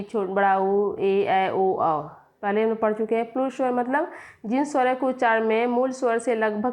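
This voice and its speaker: A woman teacher explaining grammar step by step, asking questions and answering them herself. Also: on the high side. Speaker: Hindi teacher. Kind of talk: classroom grammar lesson.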